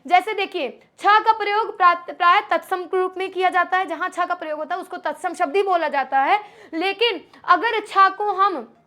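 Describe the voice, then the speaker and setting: A woman teaching Hindi grammar in an online exam-prep lesson. She calls her students "my child", asks questions and answers them herself, and slows down to stress key letters. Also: very high-pitched, sharp tone.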